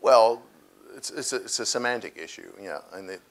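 An older man in a large lecture hall, answering audience questions on a lapel mic, halting with many restarts. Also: fairly low pitch. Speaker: guest speaker taking audience questions.

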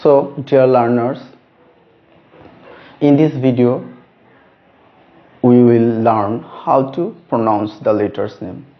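A man teaching a lesson on letter names, speaking slowly and stressing each letter. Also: medium pitch. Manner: slow, deliberate, stresses each letter name. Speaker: English teacher. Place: room with a whiteboard. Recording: dull lo-fi recording.

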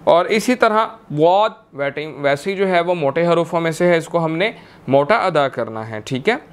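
High, smooth-voiced man teaching tajweed. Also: lively intonation. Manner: slow drawn-out recitation, then explains each letter, says "theek hai" often. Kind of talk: recorded tajweed lesson.

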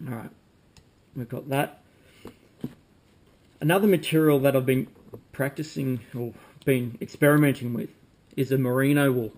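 A man, calmly demonstrating fly tying at a desk at home, talking while he works with frequent ums. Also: mid-range voice, normal speed, pauses often. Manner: relaxed, talks while working, frequent ums. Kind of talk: casual demonstration. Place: home room with bookshelves, indoors.

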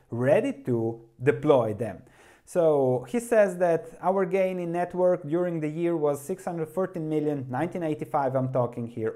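A man's voice: a little high, warm tone. A man giving earnest, emphatic educational commentary on investing, reading from a shareholder letter. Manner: earnest, emphatic explainer with repeated words. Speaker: stock market analyst and channel host.

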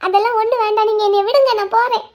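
A woman's voice: very high-pitched, flat delivery, brisk, darkish tone. A woman voicing a tearful proud young woman. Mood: desperate. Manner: sad, resolute. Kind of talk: cartoon drama dubbing. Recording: dull lo-fi audio.

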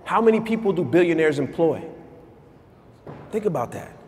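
A man in his thirties giving an energetic motivational keynote on stage in a large conference hall, asking the crowd questions. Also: on the high side, moderate pace. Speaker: keynote speaker. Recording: long hall reverb.

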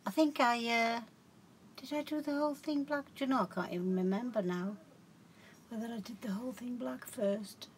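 Slight background noise accompanies a fairly high-pitched woman talking at a moderate pace. As a craft vlogger doing a casual show-and-tell at home, she rambles, chats, and corrects herself as she goes.

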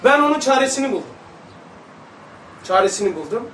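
A man giving an informal religious lesson to a small audience, talking in an animated, chatty way and often turning to address the room directly. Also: extremely high pitch, brisk. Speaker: religious teacher. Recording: roomy sound, voice from far off the mic, faint background hum.

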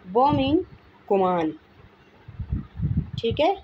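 A woman's voice: fairly high pitch, big pitch swings, extremely slow, highs cut off. A woman giving a vocabulary lesson, patiently repeating each word as she explains it. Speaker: teacher. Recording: noisy home recording.

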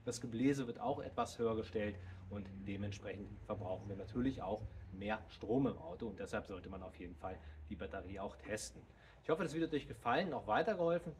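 A man in his thirties hosting a how-to video, explaining to viewers in a steady, direct way while standing outdoors in a driveway by a car. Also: fairly low pitch, a little hiss or hum. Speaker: DIY car channel host.

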